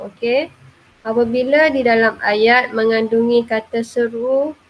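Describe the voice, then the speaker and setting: A woman's voice: on the high side, poor audio. A woman teacher giving a grammar lesson, who says "okay" again and again as she explains step by step. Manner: says "okey" often, slow and explaining. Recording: faint background noise.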